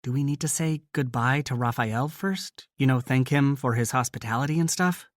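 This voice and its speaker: In an audiobook, a man performs a teasing young American woman in a hushed mood, lifting his mid-range voice slightly above his natural pitch while staying close to an everyday tone. He speaks at a normal pace, and the studio recording is clean, with no room sound.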